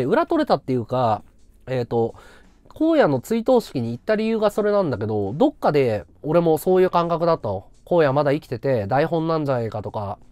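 Male streamer, rambling casual monologue, lively intonation, dry close sound. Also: fairly high pitch, dry recording. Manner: rambling, muttering to himself while calculating. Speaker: live streamer. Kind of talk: casual livestream chat.

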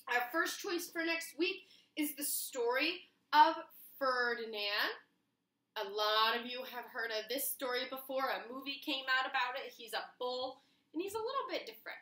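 A young woman, a children's read-aloud teacher, performs a storybook expressively in her kitchen using a high-pitched, bright and pushed voice. The recording has a roomy echo from a mic placed across the room.

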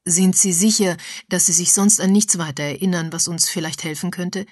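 A man's voice: high voice, moderate pace, no echo, studio quality. A woman reading an urgent, insistent male sleuth. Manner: urgent, raised voice.

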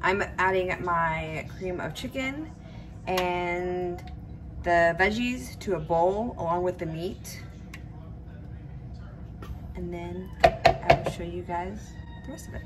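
A young woman, chatting casually as she cooks in her home kitchen, with plenty of ums and a relaxed, unhurried way of talking. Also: on the low side, background noise. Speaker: home cook vlogger. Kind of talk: casual cook-along narration.

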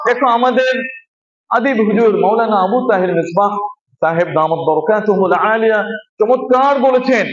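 High-voiced man lecturing in an echoey room. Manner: rhetorical questions answered himself, repeating phrases. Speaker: teacher of madrasa students. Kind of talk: classroom lecture. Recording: echoey, distant, dull room recording.

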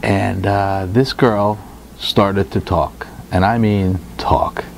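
Speaking slowly in a gravelly, lowish voice, this middle-aged co-host rambles through a dating story, animated and stumbling over many fillers and restarts. He's on a lapel mic with headphones in a studio room hung with guitars, and the low-quality audio carries slight background noise.

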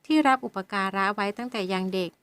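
Female audiobook narrator, steady and even, dry booth sound. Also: mid-range voice, fast, dry recording.

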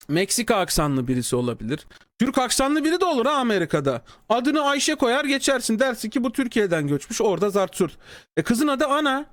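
During a casual live stream, a man reads out a developer's comment and responds sarcastically and mockingly. His voice swings from low mutters to high exclamations, and there's no room sound.

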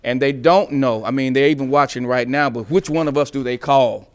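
Emphatic preacherly bishop on a panel. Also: male voice, medium pitch, fairly quick, smooth. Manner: preacherly, emphatic, repeats words as he builds a point. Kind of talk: panel discussion on a TV talk show. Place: TV studio set with sofas. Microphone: lapel mic.

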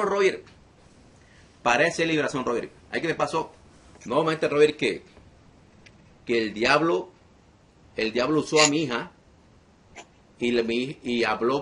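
A man preaching as a deliverance minister to an online group, emphatic and repeating phrases again and again. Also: mid-range voice.

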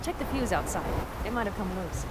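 A woman's voice: mid-range voice, expressive, brisk, heavy background noise, close to an everyday voice. A woman voicing a tough young nomad fighter in video game dialogue, blunt, swearing and teasing, over game music. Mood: wry.

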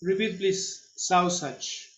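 A man teaching English to children over a video call, slow and patient, repeating his instructions. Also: high voice, fairly bright tone, reverberant, rough recording. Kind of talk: online class instruction.

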